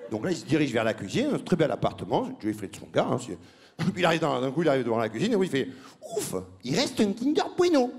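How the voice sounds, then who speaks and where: A man's voice: big pitch swings, very fast. Man doing a mocking comic rant. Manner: mocking, acts out characters in squeaky voices, laughs often. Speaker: stand-up comedian. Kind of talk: comic monologue.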